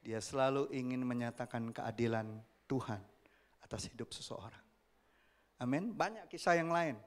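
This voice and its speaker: A man preaching a sermon as pastor, lively and often asking the congregation questions. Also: medium pitch, moderate pace. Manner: animated, asks the congregation questions, acts out quoted voices.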